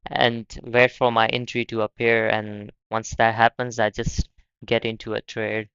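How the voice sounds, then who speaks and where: Halting young man from Pakistan streaming. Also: on the low side, completely flat delivery, vocal fry, fairly bright tone, clean tone, no echo, dull audio. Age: young adult. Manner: halting, repeats words often. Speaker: livestream host. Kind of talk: casual live stream chat.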